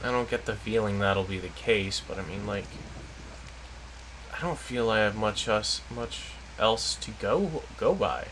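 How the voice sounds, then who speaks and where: A man's voice: fairly low pitch, unhurried, fairly bright tone, slight background noise, low-quality recording. A man hosting a let's play, thinking aloud and unsure in his gameplay commentary.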